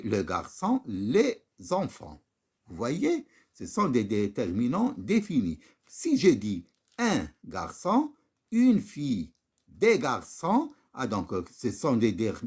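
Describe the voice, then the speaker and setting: A man with a Moroccan accent teaching French, slowly going through a text and pointing out each accented word. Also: medium pitch, slightly rough. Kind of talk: classroom lesson explaining French accents.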